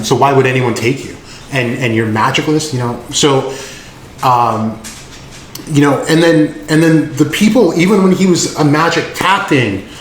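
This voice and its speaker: A man hosting a casual anime commentary video, laid-back and rambling with lots of filler words and swearing. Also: mid-range voice. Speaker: host. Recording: echoey room with faint noise.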